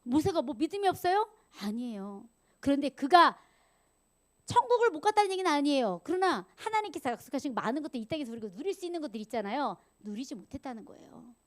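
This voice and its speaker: A woman evangelist preaching a sermon, animated, acting out angry voices and dropping to whispers. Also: high voice, fast. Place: church sanctuary.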